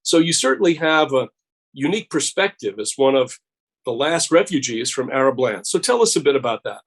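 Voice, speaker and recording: A man hosting an interview, asking measured, polite questions with a few fillers. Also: mid-range voice, animated, breathy edge. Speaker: interviewer and host. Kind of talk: conversational interview.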